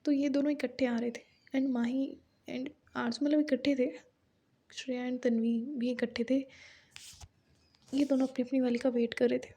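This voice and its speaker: A woman's voice: high-pitched, little pitch movement, moderate pace, mellow, slightly rough. A young woman casually narrating an audio story in a chatty, conversational way with lots of fillers.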